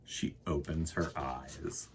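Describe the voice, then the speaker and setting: With a rumbling low voice and fairly even intonation, a man reads and chats during children's story time, talking slowly and directly to his young audience with expressive enthusiasm. A slight hiss or hum is audible.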